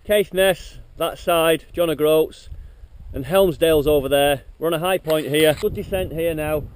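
A man's voice: a little high, moderate pace, clean tone. A man on his bike giving a chatty, upbeat running commentary into a handheld camera on open coastal roads. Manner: chatty, upbeat, pointing out places along the way. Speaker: cyclist vlogger. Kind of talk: casual running commentary while riding. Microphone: handheld action camera. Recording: wind noise on an outdoor camera mic.

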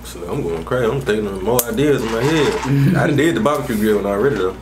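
A man's voice: on the low side, lively intonation, fast talker. A middle-aged man hosting a family eating video, chatting casually with his mouth full of food and trailing off between bites. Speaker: mukbang host. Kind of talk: casual chat while eating.

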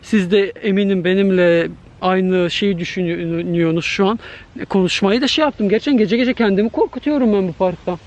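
A man's voice: high voice, brisk. Jittery man talking to camera at night. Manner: nervous, talks to viewers directly. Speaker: vlogger. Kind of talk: night-time scare vlog to camera. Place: empty park at night, outdoors. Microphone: handheld camera.

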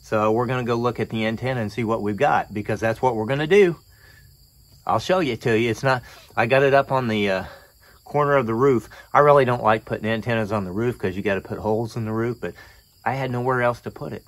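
Speaking quickly in a mid-range voice, a middle-aged American hobbyist offers an unscripted, folksy show-and-tell. He's outside in a yard and up on a roof, and insect noise fills the background.

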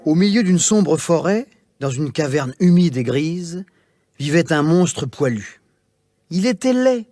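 A man narrating a children's storybook in a slow, expressive, theatrical way. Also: on the high side, no room sound. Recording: music playing behind.

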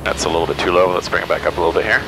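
A man flying solo as a student pilot, speaking through his cockpit headset and calmly coaching himself through checklist callouts. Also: deep voice, racing, gravelly. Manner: calm self-coaching callouts, terse. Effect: pilot headset intercom in cockpit. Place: small plane cockpit in flight. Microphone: aviation headset boom mic. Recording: engine and wind noise in cockpit.

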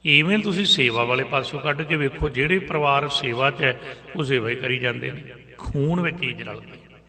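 A man's voice: medium pitch, brisk, pushed and bright, long reverb tail. A man giving an earnest religious sermon. He repeats his points and asks rhetorical questions. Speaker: Sikh preacher. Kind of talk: religious discourse.

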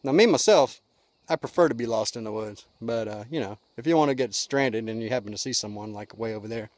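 A man's voice: medium pitch, brisk, no echo. A middle-aged man, casually vlogging by a creek in the woods, talking in a folksy, rambling way with lots of fillers. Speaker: outdoor survival vlogger. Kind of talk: casual outdoor vlog. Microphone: handheld camera at arm's length. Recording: outdoor camera mic, noisy.

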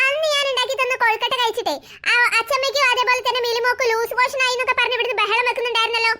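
A woman's voice: very high-pitched, fairly even intonation, rapid-fire, bright, forceful tone. A woman voicing a fussing, teasing cartoon mother who chides her daughters but cares for them. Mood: motherly. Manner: chiding yet caring.

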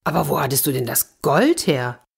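A woman's voice: rumbling low, sing-song, normal speed, creaky, slightly rough, exaggerated voice. A woman voicing a boastful, cheerful male scissor grinder in a children's fairy tale reading, jovial and coaxing.

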